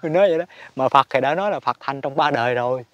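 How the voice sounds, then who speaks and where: A man's voice: medium pitch, very fast, lo-fi sound. A man giving a casual Buddhist teaching talk, chatty and emphatic, chuckling often. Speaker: spiritual teacher.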